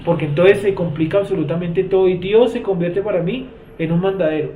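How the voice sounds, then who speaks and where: A man from Colombia teaches a Bible study class, explaining what words mean and frequently questioning his students. His voice sits high and moves a little fast. The room echoes, and the sound is tinny, almost like a phone.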